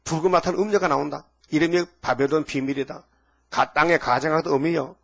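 A man's voice: fairly high pitch, steady tone, a little fast, vocal fry. A male pastor preaching a sermon in a folksy way, often asking the congregation short rhetorical questions.

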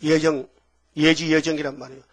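Male preacher, somewhat high voice, emphatic sermon delivery, leads the congregation in call-and-repeat lines. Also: level tone, a little fast. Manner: emphatic, asks the congregation to repeat after him; rhetorical questions, sudden swings from loud to low. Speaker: pastor.

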